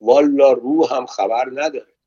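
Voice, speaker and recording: A man's voice: mid-range voice, warm tone, husky, natural voice. A man reading aloud and voicing a blunt, talkative taxi driver, in a dull lo-fi recording.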